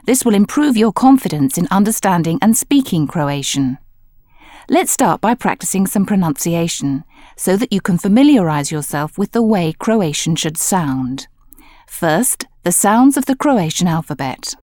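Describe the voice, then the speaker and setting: A woman narrates a language course in a slightly low voice. Her delivery is scripted, clear and measured, as she gives instructions and explanations. The recording is dry. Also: sing-song, a little mellow, no echo.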